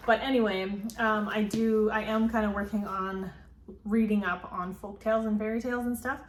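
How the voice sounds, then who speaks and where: A woman's voice: mid-range voice, steady tone, moderate pace. A woman chatting casually through a book haul, rambling with frequent ums and likes, filmed as a phone video. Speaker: book vlogger. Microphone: phone camera. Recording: roomy phone recording, faint ambience.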